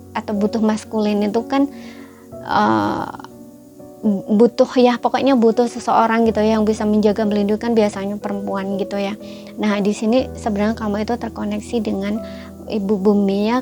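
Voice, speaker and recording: A woman giving a tarot reading in a gentle, repetitive, coaxing way, full of fillers. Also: medium pitch. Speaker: tarot reader. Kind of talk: casual spoken tarot reading.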